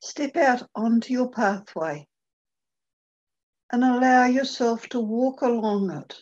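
A woman leading a guided meditation, speaking gently and unhurriedly with long pauses. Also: fairly high pitch, dull audio.

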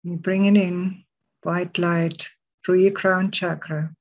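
A woman leading a guided meditation in a soft, breathy, soothing voice, leaving long pauses between short phrases. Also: fairly low pitch, little pitch movement, highs cut off.

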